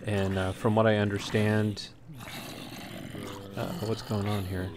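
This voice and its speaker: A man's unhurried, low voice barely shifts in pitch as he improvises walkthrough commentary for a gaming video. He sounds a little tentative, and the home recording has plainly audible background noise.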